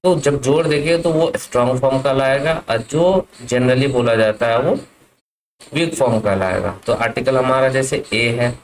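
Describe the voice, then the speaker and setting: A man's voice: medium pitch, moderate pace, slight background noise, poor audio. A man teaching an English grammar lesson, asking his class questions and answering them himself. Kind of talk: classroom lesson explaining at a board.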